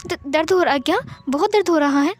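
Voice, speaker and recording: A woman's voice: sits high, fast, voice pushed up, close to an everyday voice. A woman voicing an anxious, doting mother who stammers and grows tearful. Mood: panicked.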